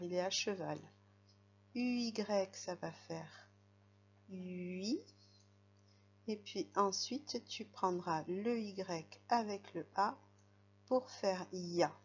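A woman's voice: fairly low pitch, muffled recording. A woman teaching a young child to read, patiently spelling out letters and sounds. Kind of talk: reading lesson for a young child.

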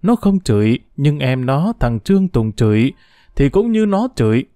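A man narrator voicing a quick-tempered seventy-year-old village man who scolds his wife. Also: medium pitch, sing-song, warm tone, dry recording, clean studio sound, natural voice. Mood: indignant. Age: 70s.

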